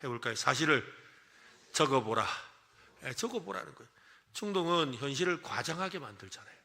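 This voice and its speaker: Male pastor, higher-pitched and very lively in pitch, leads call-and-response and acts out feelings. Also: fairly quick, creaky. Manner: leads the congregation in counting and repeating phrases, acting out feelings. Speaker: senior pastor. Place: church service.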